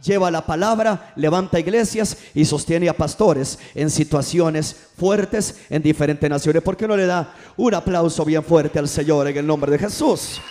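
A male pastor delivers a sermon in a church, pushing his congregation to repeat lines and answer back. His voice sits a little higher than most men's. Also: measured pace, hardly any pauses, a little mellow. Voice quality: preaching with call-and-response to the congregation.

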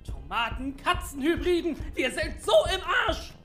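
A woman's voice: sits high, sing-song, moderate pace, a bit bright, faint music behind. A woman voicing a crude, sarcastic male crow-like creature in a comedy audio play. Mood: nervous.

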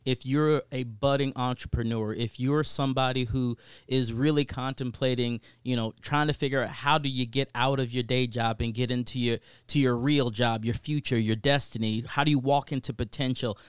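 A man's voice: mid-range voice, fairly even intonation, normal speed, hardly any pauses, clear, resonant tone, no echo. Man, podcast co-host, casual emphatic chat, resonant clean voice, repeats himself, close dry recording. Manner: emphatic, repetitive, punctuated with "right?".

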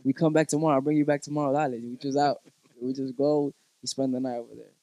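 A man in his thirties from Puerto Rico, a musician guest chatting casually, relaxed and laughing often, dropping in Spanish words. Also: medium pitch, fast, no echo, rough recording. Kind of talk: casual chat.

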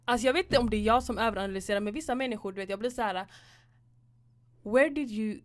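A woman co-hosting a casual chat, blunt and frank, mixing in English slang. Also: mid-range voice. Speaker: podcast co-host.

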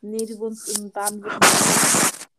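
A woman's voice: mid-range voice, monotone, measured pace, heavy background noise. A young woman in casual chat, dryly mocking and laughing at her friend. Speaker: podcast co-host.

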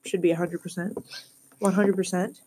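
A woman's voice: fairly low pitch, little pitch movement, normal speed, warm tone, husky. A woman hosting a casual movie podcast, leading the talk, reading out ratings and laughing often. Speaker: podcast host. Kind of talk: casual chat about a movie.

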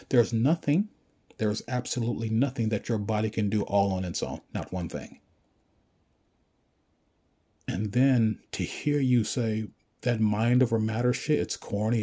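Man, low husky voice, combative ranting monologue full of swearing. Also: dark tone. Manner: profane, confrontational, insulting the listener.

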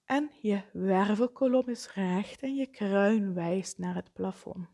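A woman leading a guided meditation, speaking softly with frequent breathy, half-whispered phrases. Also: mid-range voice. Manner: slow, soft-spoken, often breathy and whispered.

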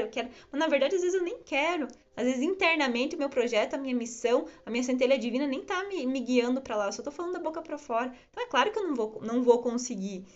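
A woman giving an earnest, reflective spiritual talk, often repeating phrases and ending thoughts with tag questions. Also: high voice. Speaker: spiritual teacher. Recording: slightly dull lo-fi sound.

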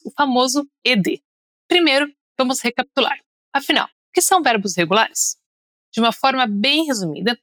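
A woman's voice: on the high side, fairly bright tone, no room sound, clean studio sound. A young woman from Brazil with a Brazilian Portuguese accent, an upbeat pronunciation teacher on a podcast, leading listeners through drills. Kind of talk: podcast lesson.

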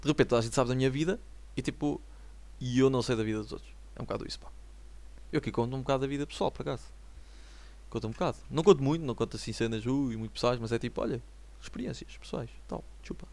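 A man's voice: medium pitch, very fast, creaky, a little mellow. A young man in his twenties with a European Portuguese accent, chatting casually to his viewers from home in a rambling, slang-filled way and often checking that they follow. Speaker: vlogger. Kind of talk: casual solo chat to viewers.

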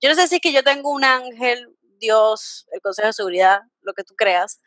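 A Venezuelan woman with a high voice hosts a relaxed podcast conversation. She tells stories with lively energy and breaks into laughter often, all recorded close and dry. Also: normal speed, no room sound. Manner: animated storyteller, laughs often. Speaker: podcast host. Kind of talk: casual podcast chat.

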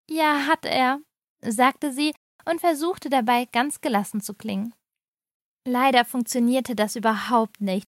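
A woman reading a story aloud, giving the characters lively voices of their own. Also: on the high side, no room sound, clean studio sound. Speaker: narrator.

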